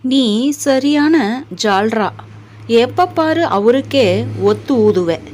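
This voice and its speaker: A woman's voice: medium pitch, slow pace, a little mellow, slight background noise, close to an everyday voice. A woman voicing a scolding mother. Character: scolding mother of a grown son.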